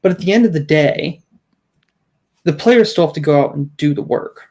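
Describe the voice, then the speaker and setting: A man's voice: a little high, expressive, normal speed, mellow. Emphatic man arguing on a sports podcast. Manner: emphatic, argues his point with restarts. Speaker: podcast co-host. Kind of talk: casual sports chat.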